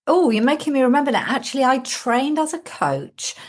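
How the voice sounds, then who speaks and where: A Welsh woman who works as a sales coach reflects on her story as a guest in a casual video-call interview. Her voice is high-pitched with big swings in pitch, and she talks a little fast.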